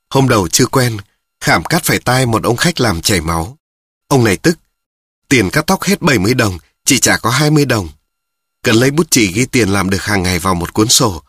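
A man reads a story aloud at a steady, matter-of-fact pace. His voice is husky, mid-pitched and recorded dry. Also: no echo. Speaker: narrator. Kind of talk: audiobook narration.

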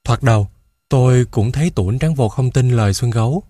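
Brief: male audiobook narrator, mid pitch, measured first-person reading, dry close-mic sound. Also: dark tone, dry recording.

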